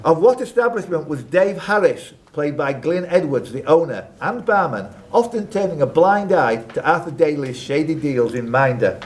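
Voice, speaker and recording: A slightly high-voiced man, animated and moderately paced with few pauses, runs a live quiz in a club room. He reads the questions and chats with the contestants between them. Ambient noise from the social club sits behind him in this noisy recording.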